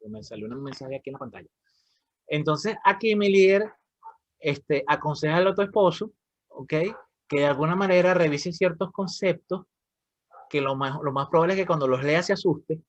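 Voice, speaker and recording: Venezuelan man, discussion leader on a video call, slightly high voice, dry and somewhat dull sound. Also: moderate pace, dry recording. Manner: lively, explanatory, often checks in with "¿ok?". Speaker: reading club leader. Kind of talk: moderating an online reading discussion.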